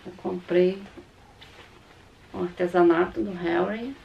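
A middle-aged Brazilian woman talks casually to her camera as she shows off things she bought. Her voice is throaty and slightly hoarse from a sore throat, with a gravelly creak. There is faint noise in the recording. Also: on the low side, fairly even intonation, takes it slowly, highs cut off. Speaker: vlogger. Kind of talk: casual chat showing purchases to camera. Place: small room at home, indoors.

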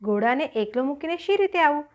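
A worried merchant father from a folk tale, begging for mercy and fretting over his daughter, as a woman reads him aloud. His voice sits high with wide, lively pitch swings. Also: brisk, muffled recording. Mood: pleading. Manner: anxious, pleading. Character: frightened, pleading merchant father.

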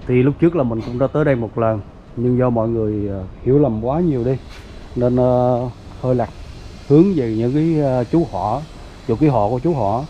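A man's voice: mid-range voice, fairly quick, warm tone. Guy vlogging outdoors at some old tombs, chatty, lots of uh's, kinda dull lo-fi camera sound with faint outdoor noise. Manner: chatty, many fillers, addresses viewers as everyone. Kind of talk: casual walking tour narration. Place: outdoors at a cemetery gate.

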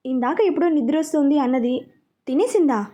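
A woman's voice: sits high, expressive, a little fast, mellow. A woman reading a story, voicing a young man who coaxes and apologizes to his fiancée. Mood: tender. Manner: coaxing, apologetic.

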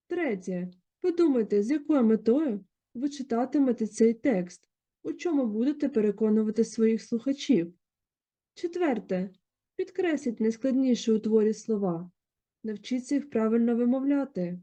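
A woman teacher giving a recorded lesson, explaining steadily in a measured, instructive way. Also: on the high side, mellow. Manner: measured, instructive, clearly paced. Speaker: literature teacher.

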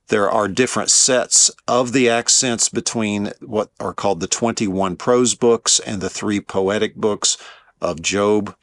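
A man teaching about the biblical languages in a measured, explanatory lecture, with the odd filler as he works through a point. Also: lowish voice, fairly bright tone, dry recording.

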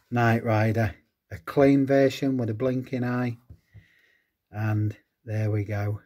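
A man's voice: mid-range voice, darkish tone. A man from England, hosting a casual unboxing chat about diecast models, full of fond exclamations. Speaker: host of a diecast collecting channel.

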